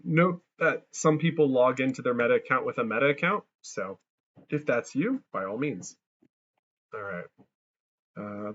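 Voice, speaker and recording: A man giving a casual, chatty software tutorial and thinking aloud as he clicks through each step, his audio crunchy and distorted. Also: medium pitch, dull audio. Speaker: tutorial creator. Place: abroad, working on a laptop.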